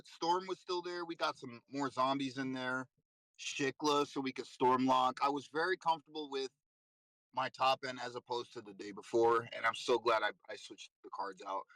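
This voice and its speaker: A man casually recapping his card game tournament, animated and swearing freely as he acts out his own thoughts. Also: mid-range voice, no room sound, rough recording. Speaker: competitive card game player.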